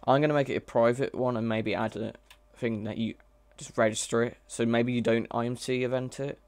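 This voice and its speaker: This live-coding mod developer talks fairly quickly in a mid-range, darkish voice with fairly even intonation and no echo. His commentary is relaxed and exploratory, marked by frequent hesitation and self-correction.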